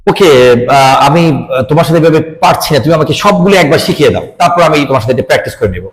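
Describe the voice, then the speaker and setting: A man's voice: fairly high pitch, expressive, rapid-fire, rough recording. A man with a Bangladeshi accent teaching English pronunciation to a student, mixing English and Bengali and playfully pretending to get things wrong. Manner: mixes English and Bengali, playfully feigns mistakes. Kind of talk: playful classroom lesson with a student.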